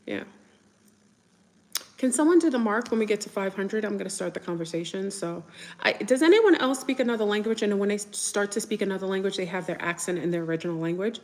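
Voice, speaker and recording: A woman from New York whose first language is French hosts a casual livestream, rambling chattily as she answers viewer comments. Her voice is medium-pitched and a little mellow, and the room is reverberant.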